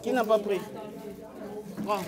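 A man with a Congolese accent working as a reporter, who asks short questions and calls out to children in lively bursts. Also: high-pitched, slow, heavy background noise. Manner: brief affirming interjections, then lively calls to a crowd. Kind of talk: street interview and event hosting. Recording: loud crowd around.

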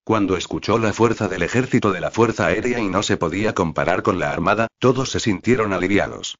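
Low guy reading an audiobook, flat and steady, kinda muffled lo-fi audio. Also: a little fast. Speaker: narrator. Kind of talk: audiobook narration. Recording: dull lo-fi audio.

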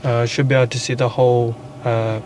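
A man's voice: medium pitch, level tone, quick pace, darkish tone. A young man answering as a learner driver in a casual lesson, with short, tentative replies. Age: young adult. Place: inside a parked car. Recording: clear car background noise.

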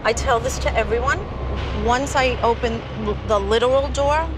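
A woman's voice: a little high, normal speed, noisy background. A middle-aged woman, a psychic medium, declaring her visions like a fortune teller as she walks through a space. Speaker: psychic medium, host of a haunting show. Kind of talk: spiritual reading while walking through a space. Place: old New York apartment building, city street at start. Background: background music.

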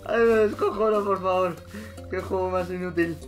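A young man with a Spain Spanish accent, giggling and shouting through a gaming commentary, laughing at nearly everything. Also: sits high, steady tone, moderate pace, faint music behind. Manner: laughing constantly, loud exclamations, swearing. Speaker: gaming YouTuber. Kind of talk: let's play commentary.

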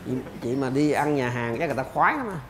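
A man's voice: mid-range voice, animated, fast talker, fairly bright tone, reverberant, slight background noise. A man lecturing on pediatrics, answering questions emphatically with rhetorical questions.

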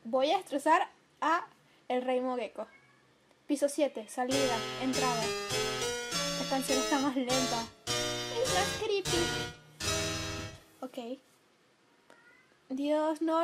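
Excitable high-voiced woman gamer. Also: a little slow, pauses often, music in the background. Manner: emotional, swings to loud outbursts. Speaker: gameplay commentator. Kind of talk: let's play commentary. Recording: home mic with clear background noise.

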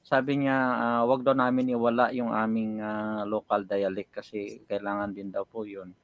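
A middle-aged man co-hosting a community radio show, telling funny stories in a casual, animated way. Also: lowish voice, normal speed, no room sound, phone-quality sound. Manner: animated storyteller, warm and jokey. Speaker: radio co-host.

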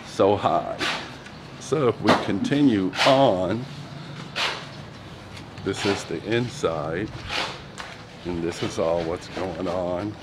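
A man with a very deep voice narrates a walking tour of his property at an unhurried pace. He talks in a loose, rambling way, filling gaps with "you know". The phone recording is made outdoors, with street, animal and vehicle noise clearly heard behind him. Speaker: vlogger giving a property tour. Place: outdoors on a street and yard in the sun. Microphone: handheld phone camera.

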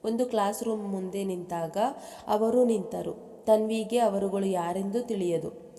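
A woman's voice: medium pitch, a little slow. Woman storyteller in a reverberant room. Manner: reads aloud at an even pace, dropping into the characters' speech for quotes. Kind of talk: narrating a love story, voicing each character's quoted lines. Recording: long reverb.

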